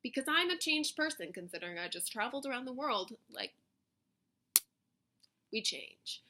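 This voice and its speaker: A woman's voice: fairly high pitch, expressive, normal speed, noisy background. A young woman telling a storytime vlog in a chatty, rambling way, full of "like" and little self-mocking laughs. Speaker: vlogger.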